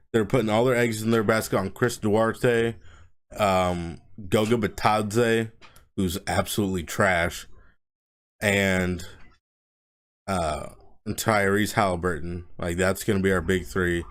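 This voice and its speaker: Blunt, rambling man ranting about sports. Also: on the low side. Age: adult father. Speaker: sports vlogger. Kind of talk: casual sports rant.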